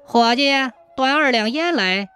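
A woman's voice: fairly high pitch, lively intonation, a little slow, faint music behind. Woman doing a whiny opium-addict man. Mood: calling out. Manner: loud, pleading outbursts.

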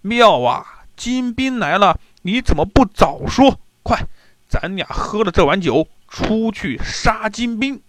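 A man's voice: a little high, big pitch swings, takes it slowly, dry recording, heavily acted. A man playing a rowdy, boastful drunk general. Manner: loud, jovial bragging. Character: boisterous hard-drinking male general.

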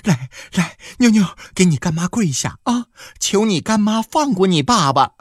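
Give me a man playing a desperate, tearful woman from an audiobook, pleading over and over, slow and lively in pitch. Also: dry recording, studio quality. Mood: begging. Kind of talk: audiobook character voice.

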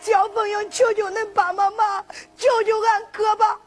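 A woman's voice: very high-pitched, steady tone, normal speed, faint music behind. A woman with a Henan accent voicing a distressed young woman who pleads tearfully for her brother, in a zhuizi storytelling performance. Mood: pleading.

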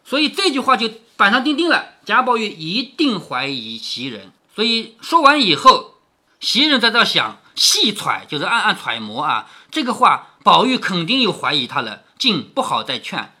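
A man hosts a reading of a classic novel, stopping often to explain it and to put rhetorical questions to the listener. His voice is bright and sharp, and his pitch swings widely through each sentence. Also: wildly swooping pitch, moderate pace, husky. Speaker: host reading a classic novel aloud with commentary.

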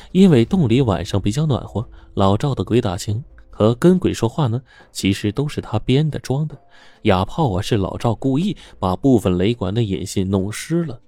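A man narrating a serialized story in a steady, dramatic storytelling manner. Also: fairly low pitch, no echo.

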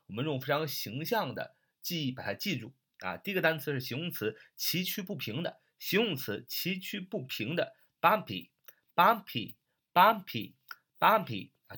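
A man's voice: medium pitch, sharp tone, husky. A man teaching English vocabulary in a recorded lesson, repeating each word several times, spelling it letter by letter and using many filler particles.

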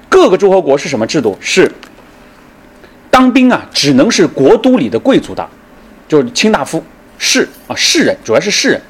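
Husky, lively male history lecturer. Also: on the high side. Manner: lively storytelling with rhetorical questions; acts out the people in the story. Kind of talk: public lecture.

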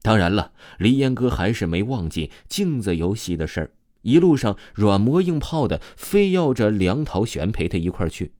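A man telling a ghost story in a casual, chatty way, with lots of drawn-out particles. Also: fairly low pitch, very animated, warm tone, dry recording, studio quality.

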